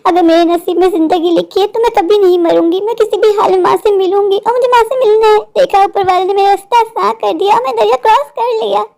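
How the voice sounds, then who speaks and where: A woman's voice: extremely high pitch, steady tone, quick pace, gravelly, few pauses, a little mellow. A woman voicing a determined little girl who earnestly searches for her mother and keeps talking to herself, in a cartoon story. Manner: earnest, pleading, talks to herself.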